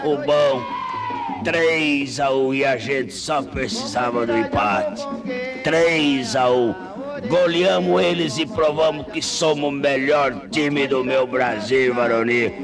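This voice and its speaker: A man plays an effusive Brazilian football fanatic in a comic monologue. He talks slowly in slangy exclamations at a medium pitch, repeating nicknames. Music plays clearly behind him. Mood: elated. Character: effusive, slangy die-hard male Corinthians football fan.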